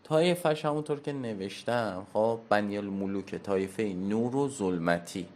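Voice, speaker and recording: Man lecturing slowly on pronunciations. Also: on the low side, darkish tone. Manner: explanatory, repeats and spells out pronunciations slowly. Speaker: teacher of occult lore. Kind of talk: classroom-style lecture at a whiteboard.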